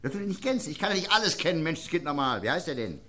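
A man voicing a gossipy pub landlord with a Lower Rhine accent and a high, metallic voice who repeats himself indignantly. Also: very animated, very fast, sharp tone, a little hiss or hum.

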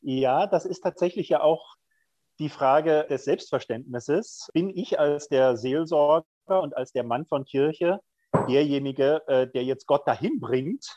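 A man's voice: a little high, unhurried, warm tone, dry recording, dull audio. A middle-aged man, a prison chaplain, speaking candidly and thoughtfully in an interview, with frequent hesitations. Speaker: prison chaplain, podcast guest. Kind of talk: reflective conversational interview.

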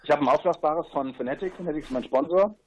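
Husky guy chatting fast on a podcast, lots of side notes. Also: on the high side, darkish tone, highs cut off. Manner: rambling, explains with asides and fillers. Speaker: guest, paddler on a long river trip. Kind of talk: casual podcast interview.

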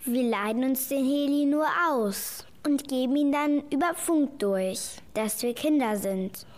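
A woman's voice: high-pitched, unhurried, darkish tone. A woman playing a worried, questioning child in a children's radio play.

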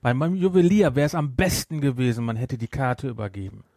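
A podcast co-host reviews audio drama in casual chat, emphatic and opinionated, repeating himself to press his point. His mid-range voice is fairly quick and darkish with lively intonation, recorded as clean studio sound with no room tone.

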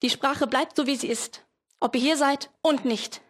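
A woman's voice: sits high, normal speed, natural voice. A teenage woman voicing a rowdy, patriotic preposition who rants against newcomers. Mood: ranting. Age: teens. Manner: ranting, rabble-rousing.

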